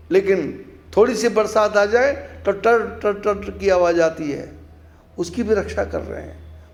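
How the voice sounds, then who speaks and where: A man's voice: high-pitched, gravelly. A man giving a devotional discourse as a spiritual teacher, telling stories and asking rhetorical questions with repeated phrases.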